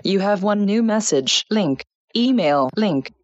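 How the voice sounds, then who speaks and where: A woman's voice: medium pitch, lively intonation, slow, no room sound, muffled recording. A woman's synthetic voice acting as a screen reader, reading interface labels in clipped fragments. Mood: flat. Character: female screen reader voice, flat and mechanical.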